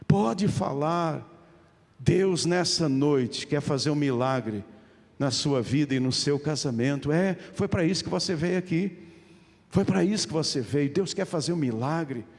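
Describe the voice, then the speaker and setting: A middle-aged pastor with a European Portuguese accent preaches an evangelical sermon live in a large church hall, addressing listeners directly with emphatic repetition. His voice sits on the high side, a little mellow, with lively intonation at a measured pace, and the hall's long reverb carries it.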